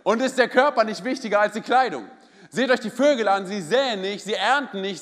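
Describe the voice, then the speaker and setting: Energetic high-voiced preacher in a hall. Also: male voice. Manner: energetic, calls out to the congregation. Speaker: pastor. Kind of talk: sermon. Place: large church hall. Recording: hall reverb with faint music.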